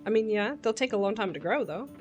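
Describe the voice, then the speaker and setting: A young woman chats her way through a cozy farming game on stream, easily charmed by every little detail. Her voice sits at an ordinary middle pitch. Gentle game music plays faintly underneath. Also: lively intonation, fast talker, muffled recording. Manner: chatty, easily charmed, light laughs. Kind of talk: casual gameplay chat, reading game dialogue aloud. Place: home streaming setup.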